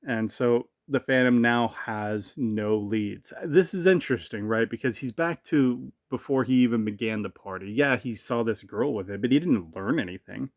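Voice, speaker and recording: A man's voice: mid-range voice, dry recording, studio quality. A man giving a casual spoken review, chatty and thinking aloud with fillers, recorded on a camera mic at home. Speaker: comic reviewer.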